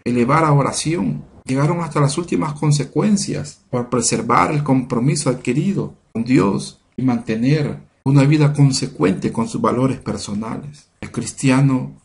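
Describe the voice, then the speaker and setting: A man preaching a Bible study lesson at a mid-range pitch. He talks earnestly and in measured phrases, stacking one repeated phrase on the next as he drives his point home. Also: gravelly. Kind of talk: sermon-style Bible lesson.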